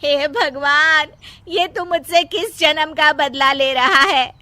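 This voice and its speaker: A woman voicing a proud, scornful older grandmother in an animated story, who talks in scolding lectures. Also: high-pitched, takes it slowly, dry recording, heavily acted. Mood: wailing.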